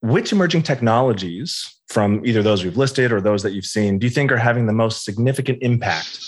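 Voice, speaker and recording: A man's voice: medium pitch, lively intonation, brisk, husky. A man hosting an interview, asking follow-up questions and joking casually. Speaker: podcast host.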